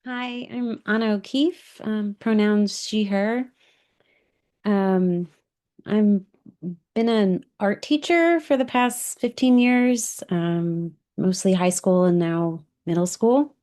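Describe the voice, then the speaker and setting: A woman's voice: mid-range voice, slow pace, dark tone. A woman art teacher from New York introducing herself on a video call, hesitant with many ums. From New York, United States.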